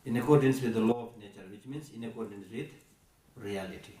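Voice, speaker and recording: A man with a Tibetan accent gives a Buddhist teaching to listeners in a deliberate, emphatic way, repeating key phrases and posing rhetorical questions. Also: lowish voice, mellow, slight background noise. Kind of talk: Buddhist teaching to a live audience. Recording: echoey room, recorded from a distance.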